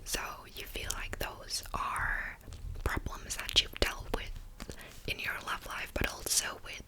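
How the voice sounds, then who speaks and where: A woman's voice: close to an everyday voice, poor audio. Woman playing a whispering therapist, actively listening. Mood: patient, attentive. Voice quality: breathy unvoiced whisper. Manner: active listening, gentle probing questions with pauses. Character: attentive, patient female psychologist in a therapy session. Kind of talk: whispered role-play.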